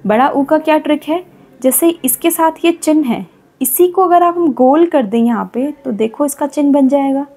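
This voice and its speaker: In a high, warm voice, a woman teacher explains Hindi vowel signs to children, patiently repeating example words at a slow pace.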